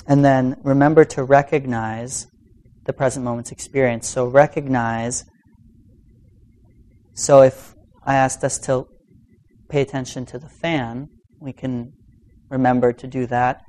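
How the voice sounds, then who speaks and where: A man teaching meditation in an informal dharma talk, speaking in a halting, reflective way with long pauses. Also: medium pitch, steady tone, darkish tone. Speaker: meditation teacher giving a talk to a practice group.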